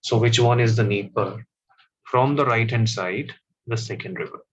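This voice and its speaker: A man teaching a class, explaining step by step and often pausing with fillers. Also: medium pitch, breathy edge. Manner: slow, stop-start explaining with fillers. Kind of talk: classroom map lesson. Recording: dull, slightly lo-fi audio.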